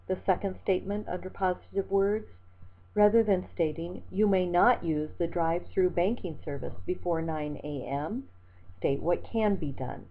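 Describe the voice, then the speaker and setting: A woman instructor giving a recorded lecture over slides, in a measured, methodical way, reading out word lists. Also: on the low side. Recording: tinny phone-like lecture recording.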